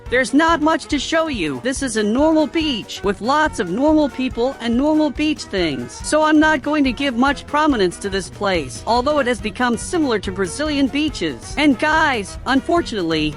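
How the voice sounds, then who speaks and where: High-pitched gaming video narrator over music. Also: animated, moderate pace, few pauses. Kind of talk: scripted Roblox video narration.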